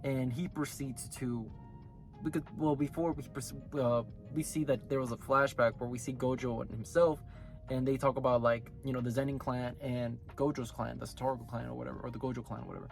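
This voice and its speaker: A man delivers his anime review a little fast and flat, his middle-pitched voice hoarse and raspy because he's ill. He rambles casually, often breaking off to correct himself, while soft music runs faintly in the background.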